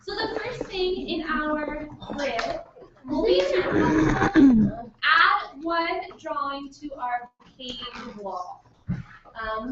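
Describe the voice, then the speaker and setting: A woman's voice: sits high, echoey room. A young woman teaching a class, questioning and encouraging her students, recorded from a distance in a classroom. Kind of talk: classroom lesson. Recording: dull, noisy classroom recording from afar.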